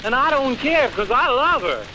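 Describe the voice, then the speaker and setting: A naive, lovesick American fellow in an old film comedy. His high voice rises and falls freely on a dull soundtrack with faint music. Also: sing-song, moderate pace, background noise. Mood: dreamy. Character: lovesick, naive, easygoing young American man.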